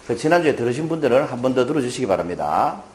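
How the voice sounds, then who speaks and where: A man giving a motivational lecture to a live audience, telling stories and asking the listeners questions in an animated way. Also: medium pitch, very fast.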